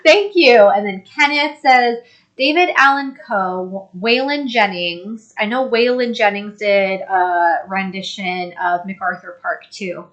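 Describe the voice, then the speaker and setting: A woman's voice: mid-range voice, takes it slowly, a bit bright. A young woman co-hosting a casual live stream, reading viewer comments aloud and laughing easily. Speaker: co-host reading live chat.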